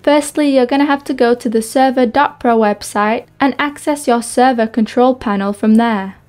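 A woman's voice: on the high side, moderate pace, darkish tone, soft background music. A young adult woman hosting a gaming video, with gameplay chat and tutorial narration.

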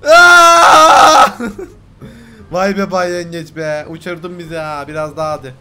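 A young man giving excitable gameplay commentary, loud and swearing often, breaking into yelps and shouts. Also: fairly high pitch, moderate pace, very noisy. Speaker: gaming video host.

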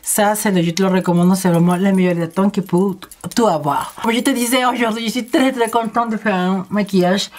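An energetic woman chats her way through a makeup tutorial. She speaks straight to her viewers in a casual, expressive, friendly manner. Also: mid-range voice, a little fast. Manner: addresses viewers directly. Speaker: beauty vlogger.

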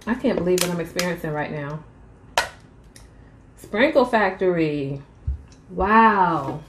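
A young woman mukbang vlogger chats with viewers in a casual eating vlog, calling them "y'all" and eating between sentences. Her voice sits on the low side, with lively intonation and a slow pace. She's indoors in a small room at home, which sounds echoey, with background noise.

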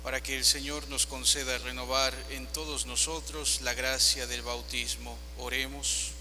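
A man reading the intercessions at a baptism liturgy, reciting each petition in an even, measured way. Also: mid-range voice. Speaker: lector reading the prayers. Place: large church indoors. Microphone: far phone camera in the congregation. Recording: echoey church from afar, steady hum.

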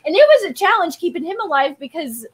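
A woman's voice: very high voice, expressive, fast. A woman guest on a fish-keeping video call, chatting casually about her fish and laughing often. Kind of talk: casual chat. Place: home room with lit aquariums. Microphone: webcam on a video call.

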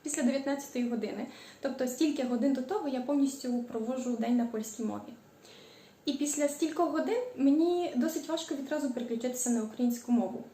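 A woman from Ukraine chatting casually in a home cooking vlog, stretching out the ends of words and pausing on filler sounds. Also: sits high, warm tone, slight background noise. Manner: stretches out word endings; frequent hesitant fillers. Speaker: cooking vlogger. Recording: echoey room.

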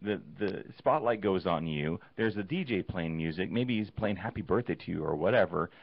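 A man hosting a casual interview show, telling stories with animated restarts. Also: low voice, normal speed, gravelly, dry recording. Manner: animated storytelling, many restarts. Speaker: show host. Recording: dull lo-fi sound.

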